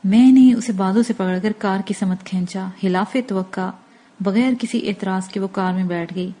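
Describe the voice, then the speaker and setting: A woman narrating a novel as an audiobook in a steady storytelling manner. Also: mid-range voice.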